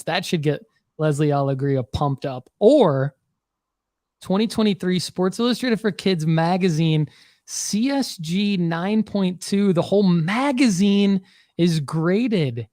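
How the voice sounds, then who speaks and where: A man with a slightly high voice hosts a casual podcast panel. He banters bluntly with the others, in a dry, close recording. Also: a little slow, darkish tone, dry recording. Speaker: podcast host.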